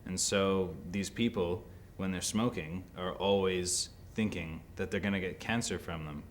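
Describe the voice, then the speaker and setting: A man in his early twenties giving interview answers in a laid-back, skeptical, unhurried way. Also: deep voice, a little hiss or hum. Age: 20s.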